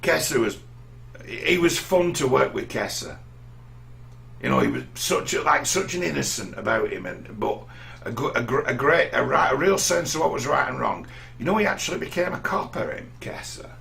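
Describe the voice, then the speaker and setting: A man's voice: medium pitch, animated, normal speed, vocal fry, bright, forceful tone. A middle-aged man from England telling rambling personal stories in a casual monologue, often restarting his sentences. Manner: rambling, anecdotal, frequent restarts. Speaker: vlogger.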